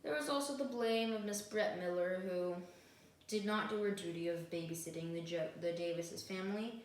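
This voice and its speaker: A woman acting as a student attorney in a mock trial gives an earnest, emphatic closing argument in a voice on the low side at a moderate pace. She is recorded from a distance in a very echoey indoor room.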